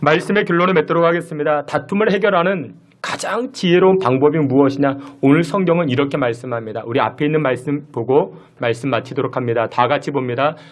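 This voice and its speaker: A man's voice: a little high, fast talker, few pauses. A middle-aged man preaching a sermon as pastor in a church, telling a story and asking the congregation questions. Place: church sanctuary.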